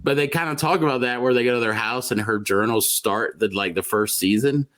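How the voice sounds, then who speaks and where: A man's voice: mid-range voice, brisk, a bit bright. A man co-hosting a casual podcast chat, rambling and full of filler words. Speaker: podcast co-host.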